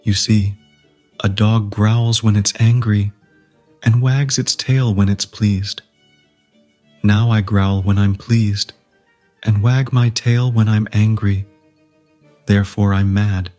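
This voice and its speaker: A woman voicing a grinning, cryptic talking cat from a storybook, unhurried and teasingly logical over music. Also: very deep voice, steady tone, mellow, pitched below the performer's own voice. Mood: mad, teasingly logical.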